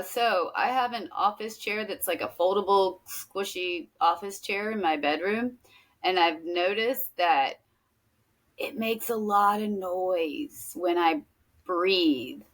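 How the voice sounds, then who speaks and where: Co-hosting a podcast, this woman, a teacher, chats casually and hops from one topic to the next. She speaks slowly, with a medium pitch and a fairly bright tone.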